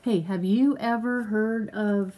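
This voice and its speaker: An older grandmother with a slightly husky voice reads a picture book aloud to a small child. She pauses often to explain, asks the child to repeat new words, and keeps a patient, teaching tone. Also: medium pitch, fairly even intonation, warm tone, poor audio.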